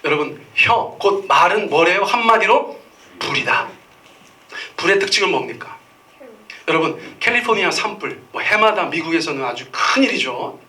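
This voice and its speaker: Preaching on a Sunday in the church sanctuary, this middle-aged pastor speaks at a moderate pace with a fairly high, expressive voice that sounds bright and forceful. The mic is distant, and he performs the voices of the characters in the stories he tells.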